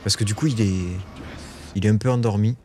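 Playing a game on stream, this man chats with his viewers in casual commentary and swears when things frustrate him. His voice is on the low side and fairly quick. Game music plays behind him.

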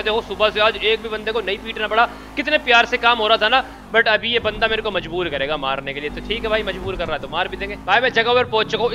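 A high, bright male voice talking quickly and eagerly through a video game session, narrating as the character he plays. He jokes along the way and gets loud and excitable when the action heats up. A faint hum of city and traffic sits underneath. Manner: excitable, shouts during shootouts, chatty and joking. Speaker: gameplay commentator. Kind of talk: Hindi gameplay commentary narrating as the game's character.

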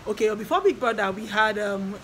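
Excitable young nigerian woman vlogging from home, chatty and repetitive, slight background noise. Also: medium pitch, fast talker. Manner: chatty, excitable, repeats herself. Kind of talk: casual chat.

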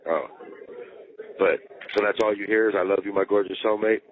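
A man chats over a prison phone call, his low voice squeezed thin and tinny by the line. He tells long stories in slangy, cussing street talk, laying it on casually. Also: fairly even intonation, fairly quick. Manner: profane, storytelling, slangy. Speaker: jail inmate on a phone call.

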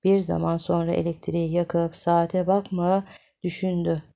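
A woman narrating a literary audiobook in a measured, expressive storytelling manner. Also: on the low side, vocal fry.

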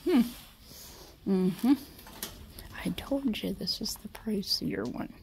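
Filmed on a handheld phone in a big indoor store, a woman with a Midwestern American accent chats her way through a casual shop-with-me vlog, often dropping to a whisper. Her voice is medium-pitched, creaky and darkish, with lively intonation and a slow pace. A faint hiss or hum sits under the audio.

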